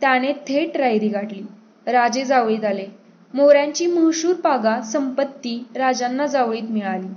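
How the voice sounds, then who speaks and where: A woman narrating an audiobook in an expressive storytelling manner. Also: high-pitched, moderate pace, dull audio.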